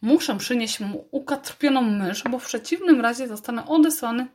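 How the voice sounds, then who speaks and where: A woman reading a storybook aloud and voicing a glum, gentle male cat who speaks with sighs. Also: a little high, lively intonation, normal speed. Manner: glum, sighing.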